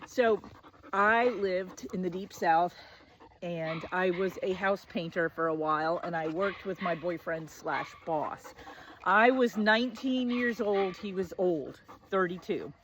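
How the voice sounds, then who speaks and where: A woman in her forties hosts her own show and tells a personal story in a relaxed, self-deprecating way, moving between excited high bursts and low asides. She speaks at a measured pace, and the rough recording carries a little hiss or hum.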